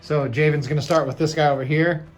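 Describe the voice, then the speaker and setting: A man's voice: on the high side, fairly even intonation, quick pace, faint music behind. A man playing a solo tabletop dungeon game, reading cards aloud, counting moves and dice, and thinking aloud about the rules. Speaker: game master.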